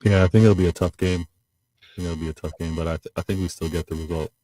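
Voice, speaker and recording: A man's voice: low-pitched, steady tone, quick pace, mellow, a little hiss or hum. A man in casual online chat whose call audio is distorted into a metallic, robotic sound. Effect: robotic glitchy distortion on his call audio. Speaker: panelist.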